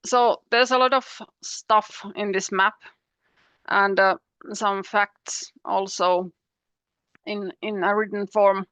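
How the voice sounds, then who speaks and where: Over a video call, a woman from Finland whose first language is Finnish presents an academic talk as a professor on a panel. She speaks in a steady, mid-range voice that is a bit bright, clear and resonant, explaining things in a measured way with many pauses and restarts. The sound is dry.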